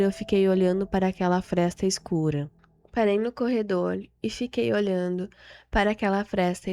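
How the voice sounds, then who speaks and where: A woman narrating a first-person horror story in a slow, suspenseful way. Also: mid-range voice, a little mellow.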